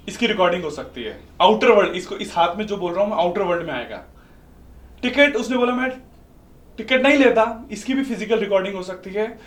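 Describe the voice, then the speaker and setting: A young man, a life coach, telling a personal story as a motivational talk and acting out the dialogue. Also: high-pitched. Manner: storytelling, acts out dialogue, mixes English into Hindi. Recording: echoey room with faint background noise.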